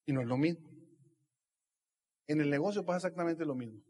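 Hombre de voz aguda y ronca, en un salón con eco. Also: male voice, a little high, brisk, mellow. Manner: emphatic, addresses listener directly. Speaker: motivational speaker. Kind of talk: motivational speech at a convention. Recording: husky voice in reverberant hall.

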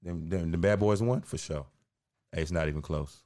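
A podcast co-host chats casually in a low, slightly mellow voice at normal speed. He is laid-back and slangy, often tacking on "you know what I mean".

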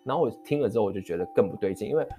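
Animated low-voiced man telling a story. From Taiwan. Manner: animated, heated retelling of an anecdote; quick, rambling with many restarts. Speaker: vlogger. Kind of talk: storytelling vlog. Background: faint guitar music.

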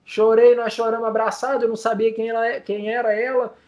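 A man telling a live interview his stories, tearful and choked up, repeating words and filling pauses as his voice breaks. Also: extremely high pitch, level tone, darkish tone. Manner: many fillers, repeats words. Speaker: guest, community news group founder. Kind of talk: emotional storytelling in interview.

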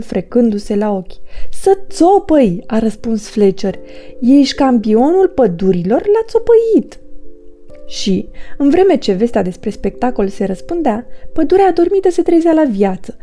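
A woman reads a children's bedtime story aloud, gentle and soothing. Her voice sits a little high but sounds very dark and mellow, with faint music playing behind her.

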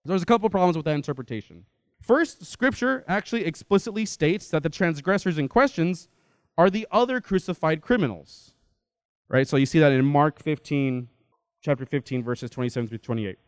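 A young adult man giving a lecture-style talk in a lively, conversational way, often checking in with his listeners. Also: fairly high pitch, brisk, clean tone, no room sound. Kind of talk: lecture to an audience.

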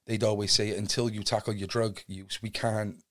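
This Welsh podcast guest from Cardiff, in his thirties, keeps a level tone and moderate pace; his voice is on the low side and fairly bright. With his Cardiff accent, he shares his personal history in an open, earnest, wandering way.

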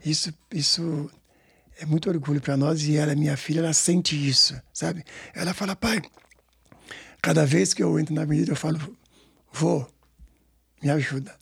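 With a fairly high, steady voice, this gravelly, husky samba school director from Brazil speaks at a moderate pace and pauses often. He is in his sixties and has a São Paulo Portuguese accent. In this storytelling interview he wanders, repeats a lot, and leans on tag questions.

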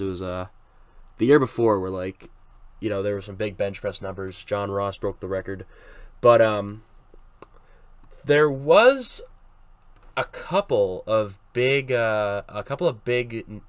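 A man's voice: lowish voice, clean tone, no echo. A young man from Massachusetts hosting a casual sports podcast, rambling with lots of fillers and restarts. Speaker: podcast host.

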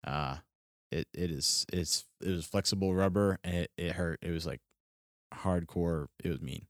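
A man's voice: deep voice, steady tone, moderate pace, no echo, studio quality. A young man from Florida telling a childhood story as a podcast co-host, in a rambling, casual way full of fillers and restarts. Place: studio.

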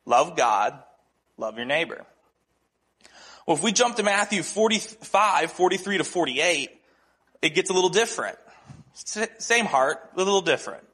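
Young male lay preacher, high voice, animated storyteller. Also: moderate pace, long pauses, breathy edge. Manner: animated storytelling, acting out dialogue. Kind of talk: sermon with personal story.

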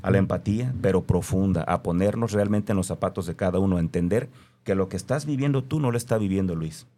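A man's voice: sits low, fast, dark tone. A man with a Mexican accent speaking earnestly in a reflective conversation, stressing his points by repeating them.

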